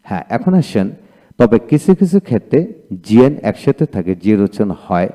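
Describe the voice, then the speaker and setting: A man's voice: on the low side, sing-song, fairly quick, mellow. Bengali-accented man drilling word lists. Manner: reads word lists, repeating each word twice. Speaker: English teacher. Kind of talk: pronunciation drill lesson.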